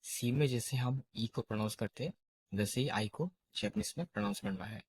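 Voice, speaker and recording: A man's voice: mid-range voice, lively intonation, fairly quick, slightly rough, dry recording. A man teaching a beginner language lesson, saying each example word and its meaning twice. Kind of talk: slow spoken lesson.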